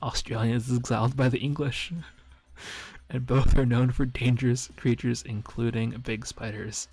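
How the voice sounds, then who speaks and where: Gravelly, giggly streamer man chatting casually. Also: medium pitch, level tone, moderate pace, a little mellow. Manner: rambling, giggly, self-mocking. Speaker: streamer and dungeon master. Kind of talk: casual stream chat reviewing memes. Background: faint background music.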